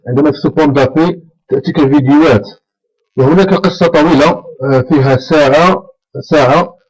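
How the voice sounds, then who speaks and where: Man teaching French vocabulary, fairly high voice. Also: darkish tone, low-quality recording. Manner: slow, drawn-out call-and-repeat drilling. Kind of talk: explaining French vocabulary in Arabic.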